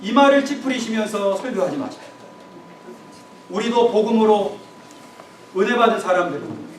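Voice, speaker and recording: A man's voice: high-pitched, animated, moderate pace. A man giving an emphatic, exhorting seminar lecture on preaching, speaking straight to his audience. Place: lecture room. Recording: roomy echo, voice from far off, faint room noise.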